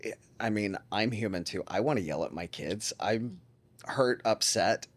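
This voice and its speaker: A man hosting a podcast in casual conversation, speaking in a reflective, measured and personal way. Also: fairly low pitch, animated. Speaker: podcast host.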